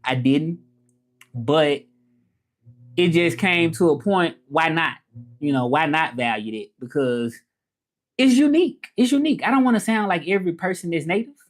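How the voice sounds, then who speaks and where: Fairly high-pitched and animated, this Memphis livestream host speaks at a moderate pace with long pauses. In his Southern American accent he chats casually about learning languages and reads comments, wandering and repeating himself.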